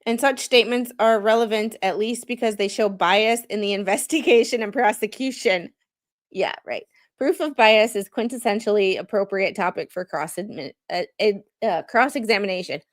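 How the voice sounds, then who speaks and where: A mid-range female voice belongs to a livestream host with no law background. She reads court papers aloud with hesitation and discusses them loosely, with plenty of self-deprecation.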